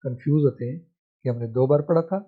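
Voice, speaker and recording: A man's voice: medium pitch, breathy edge. A man teaching a Quran reading lesson, spelling out syllables one by one and then blending them. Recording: muffled, lo-fi recording.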